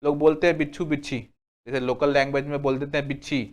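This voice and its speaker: A young man teaching a Hindi grammar lesson, asking questions and answering them himself, saying "okay" again and again, and listing examples slowly word by word. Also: a little high, little pitch movement. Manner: asks the class questions and answers them himself, repeats "ठीक है" often. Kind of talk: exam-prep grammar lesson.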